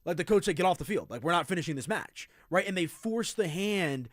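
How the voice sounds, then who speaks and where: A man hosting a sports talk radio show, debating with animated asides and throwing to a break. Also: high voice, brisk, dry recording, clean studio sound. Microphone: studio microphone.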